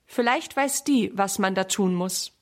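A woman voicing a patient, gentle mother in a children's story. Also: medium pitch, a little slow, lightly acted. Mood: kind. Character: calm, caring mother.

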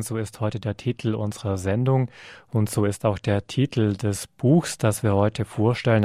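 Radio host guy, mellow dark voice, dry booth sound, formal questions. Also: medium pitch, dry recording. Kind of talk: radio interview.

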